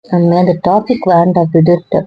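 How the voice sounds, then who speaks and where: A woman voicing a hurt young woman who questions her partner with quiet reproach. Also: lowish voice, steady tone, moderate pace, husky, lo-fi sound. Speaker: young wife or girlfriend. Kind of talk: Tamil audio drama acting.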